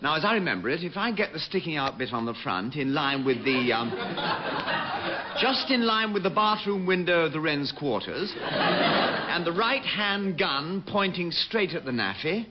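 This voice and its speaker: An actor playing a posh, flustered navigating officer with an affected, dithering manner in a radio sitcom. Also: male voice, a little high, very animated, moderate pace. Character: silly, posh, flustered young male naval navigating officer. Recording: very noisy dull old radio recording.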